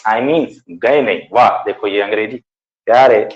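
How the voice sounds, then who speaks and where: Male teacher in an echoey classroom. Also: lowish voice. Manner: dictates slowly, asks and answers his own questions. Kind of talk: classroom lecture, dictating notes. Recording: echoey room, dull lo-fi sound.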